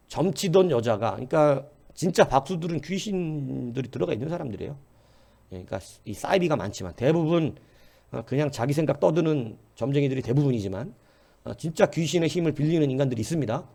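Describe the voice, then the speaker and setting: Lively, mellow-voiced male pastor. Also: mid-range voice. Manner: conversational, asks the congregation questions, acts out quoted voices. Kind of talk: church history lecture sermon.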